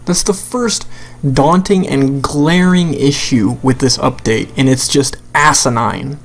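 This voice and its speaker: A man with a creaky, gravelly voice of middling pitch talks off the cuff over game footage. He is blunt and exasperated, swearing freely as he complains his way through his commentary. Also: slow pace. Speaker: gamer making a rant video. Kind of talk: unscripted video game rant commentary.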